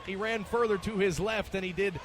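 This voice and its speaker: High-pitched male radio play-by-play caller for high school football, bursts into shouts on big plays. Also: fairly even intonation, fairly quick.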